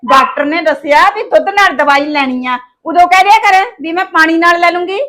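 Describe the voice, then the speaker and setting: A woman's voice: high voice, moderate pace, fairly bright tone. A woman, playing a scheming daughter-in-law who scolds and wheedles in a village family drama. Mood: angry. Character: sharp-tongued scheming young daughter-in-law.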